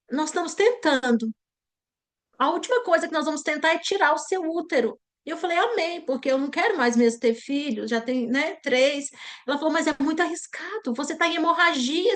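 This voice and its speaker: A Brazilian woman in her thirties telling an emotional personal testimony in church, earnest and climbing higher at her peaks. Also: a bit bright. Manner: earnest, rising to high pitch at emotional peaks. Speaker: church member giving testimony.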